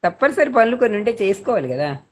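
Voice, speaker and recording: A woman's voice: medium pitch, big pitch swings, fast talker. A woman in a teaching discussion, earnestly putting practical objections to her teacher. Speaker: student in discussion. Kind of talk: casual discussion.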